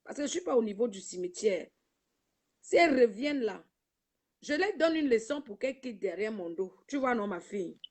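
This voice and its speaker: A woman's voice: on the high side, lively intonation, a little fast, darkish tone. A woman hosting a live video stream, talking to the camera in an emotional, preachy and repetitive way. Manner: preachy, repetitive, keeps saying "ma fille". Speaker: livestream host. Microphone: own camera.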